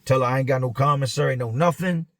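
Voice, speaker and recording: A man voicing a jittery, pushy male addict cellmate, who pleads and talks fast. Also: mid-range voice, dry recording, close to an everyday voice. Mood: pleading.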